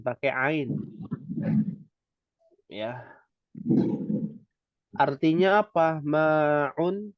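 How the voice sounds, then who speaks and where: Slow patient male Arabic teacher. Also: mid-range voice, dry recording, dull audio. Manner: patient, repeats "ya" often. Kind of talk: online class lecture.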